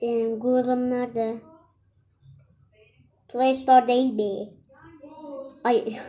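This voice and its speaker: A woman's voice: fairly high pitch, little pitch movement, very slow, dark tone. A young woman chatting casually and exclaiming as she plays a mobile game for her channel. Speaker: gaming channel host.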